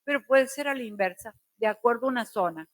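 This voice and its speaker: Deliberate woman teacher lecturing. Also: a little high, animated, no room sound. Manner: slow, deliberate, with careful diction. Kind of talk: lecturing a class.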